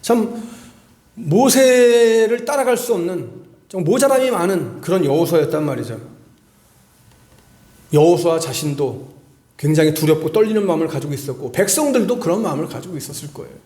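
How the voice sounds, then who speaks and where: A man with a high voice preaches to his congregation, asking them questions and hammering points home through repetition. His words ring around an echoey church hall. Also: expressive, moderate pace, dark tone. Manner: asks the congregation questions and repeats phrases for emphasis. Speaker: pastor. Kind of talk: sermon.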